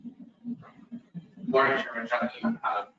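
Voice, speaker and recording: A man who directs a medical program, giving public comment to a commission in a friendly, halting way with many "uh" fillers. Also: high-pitched, sing-song, bright, forceful tone. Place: public meeting room. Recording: echoey room, mic far off, dull sound.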